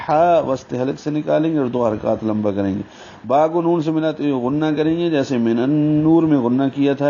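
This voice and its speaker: A man teaching Quran recitation rules step by step, breaking into slow, drawn-out chanted recitation for each example. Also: fairly high pitch, dark tone. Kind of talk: tajweed lesson with recited examples. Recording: dull lo-fi recording with faint hiss.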